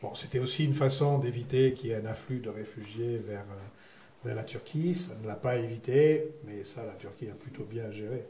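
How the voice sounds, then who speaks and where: A man with a mellow voice of average pitch gives off-the-cuff analysis on a panel. The recording has a clear room echo. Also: moderate pace, slight background noise. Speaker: panel speaker. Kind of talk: unscripted analysis at a panel discussion. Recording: echoey room.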